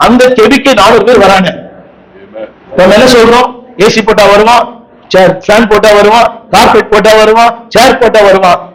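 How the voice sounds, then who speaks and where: In this sermon with call-and-response, a man with a distinctly high voice preaches emphatically, repeating phrases and urging the congregation to say his words back. His intonation stays fairly even, his speed is normal, and his tone is rather bright.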